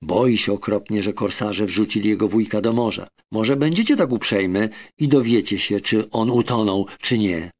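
A man's voice: fairly low pitch, normal speed, few pauses, natural voice. A man voicing a kind, patient animal doctor who soothes a child, in a children's audiobook. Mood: gentle. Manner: soothing and gentle.

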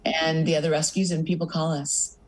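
Over a webcam on a video call, a sanctuary founder in middle age gives a news interview from her home office, where pictures hang on the wall. She talks a little fast in a low, level voice, earnestly rattling off long lists. The audio quality is poor.

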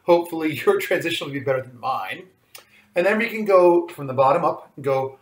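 A man leading a vocal warm-up lesson as a choir coach, with a morning voice, talking lightly and encouragingly and joking at his own singing. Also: on the high side, lively intonation, brisk, reverberant. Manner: light, self-deprecating, encouraging.

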